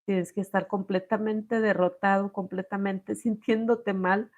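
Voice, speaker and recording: A woman's voice: mid-range voice, flat delivery, a little slow, darkish tone, muffled recording. A middle-aged Mexican woman giving a heartfelt personal testimony, calling her listeners "corazón". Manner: emotional, addresses viewers as corazón. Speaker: host sharing testimony.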